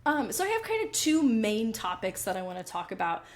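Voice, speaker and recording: A woman's voice: medium pitch, sing-song, a little fast. A woman co-hosting a casual podcast, chatty and upbeat. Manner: upbeat, chatty, laughs easily. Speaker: podcast co-host.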